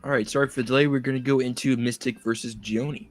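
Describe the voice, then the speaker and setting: A man's voice: medium pitch, fairly even intonation, quick pace. A man casting a live strategy game match, chatting and explaining the plays. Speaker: esports caster. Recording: faint music behind.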